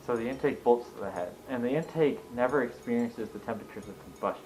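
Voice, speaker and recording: A man's voice: mid-range voice, quick pace, darkish tone, low-quality recording. A man chatting casually about cars in an emphatic, explanatory, jokey way. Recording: music in the background.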